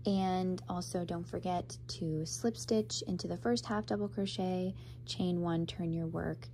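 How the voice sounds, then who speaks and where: This young woman's voice is lowish and mellow, with fairly even intonation and a measured pace, plus a little hiss or hum. Stuffy and congested from a cold, she still chats brightly and casually through her crochet tutorial while working.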